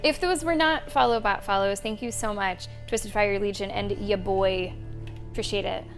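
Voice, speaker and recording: This streamer, a woman, speaks at medium pitch and moderate pace while commenting casually on her live game. She chats with viewers, thanking and addressing them, her voice laid over game sound with faint music behind it.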